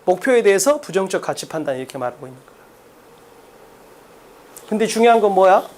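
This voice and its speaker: A man's voice: high voice, very animated, fairly quick, darkish tone, a little hiss or hum. A man lecturing on exam English at a blackboard, blunt and brash, firing rhetorical questions at students. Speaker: English test-prep lecturer.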